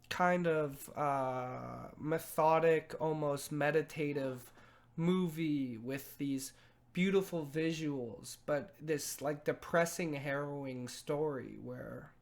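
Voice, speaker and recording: A young man giving a casual spoken film review, hesitant, with lots of pauses and restarts. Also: a little high. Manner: hesitant, many fillers and restarts.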